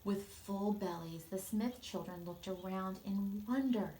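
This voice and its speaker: Slow, patient woman reading a picture book. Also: medium pitch, mellow, reverberant, a little hiss or hum, rough recording. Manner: slow, explaining words to children. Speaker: teacher.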